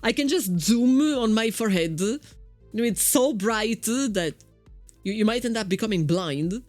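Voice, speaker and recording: Italian-accented woman streamer, rambling and friendly, stumbles on starts, average pitch, soft music underneath. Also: animated, measured pace, dry recording. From Italy. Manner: chatty, repeats words when starting sentences. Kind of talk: casual game commentary.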